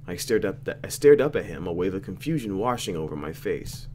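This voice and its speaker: Deep-voiced and very animated, a let's play host reads through a visual novel at a slightly fast clip, with background noise behind him. His narration stays casual, broken up by slangy, mock-exasperated asides.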